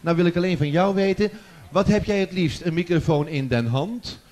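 Holding a microphone on a festival-tent stage, the host of a children's song contest keeps up a jokey, chatty patter that teases the audience. He has a high, slightly mellow voice and speaks at a moderate pace.

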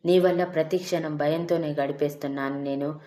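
A woman's voice: low-pitched, fairly even intonation, brisk, dark tone, natural voice. A woman voicing a tearful young woman who pleads with and scolds the man she loves. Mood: scolding. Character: tearful frightened young woman, fiercely devoted.

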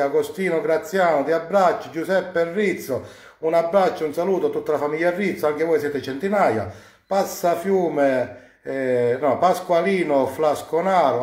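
A man from Sicily speaks in a fairly high voice, calling out viewers' names and sending them warm, effusive greetings. He stretches the names out in a casual live-stream manner. His voice rings around an echoey home kitchen. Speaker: cooking channel host greeting viewers.

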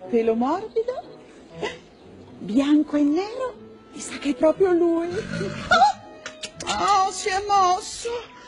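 An actress playing a fussy, kindly, anxious palace maid in a children's TV fantasy, exclaiming theatrically. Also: female voice, very high voice, big pitch swings, slow, pauses often, over music, exaggerated voice. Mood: anxious, flustered. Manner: exclamatory, talks to herself. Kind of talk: theatrical children's television acting. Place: indoor television studio set.

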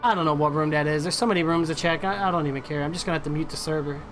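A man's voice: fairly high pitch, very fast, fairly bright tone. A man in his thirties chatting casually on a game live stream, slangy and chummy with his viewers like a gamer bro. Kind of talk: casual live-stream chat while gaming. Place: indoor room at a streaming setup. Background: music.

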